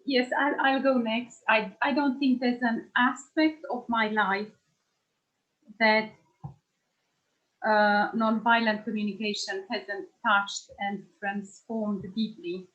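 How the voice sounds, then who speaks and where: Slow-talking woman with a dull call mic. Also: on the high side, flat delivery. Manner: earnest, thoughtful. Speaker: nonviolent communication trainer. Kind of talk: personal reflection in a group call. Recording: dull lo-fi sound.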